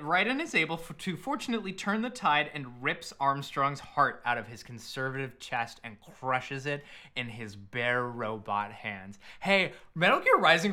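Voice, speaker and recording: A man's voice: mid-range voice, sharp tone. A man hosting a podcast, telling a story in a partly scripted, casual, irreverent and emphatic way, with some swearing. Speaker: podcast host.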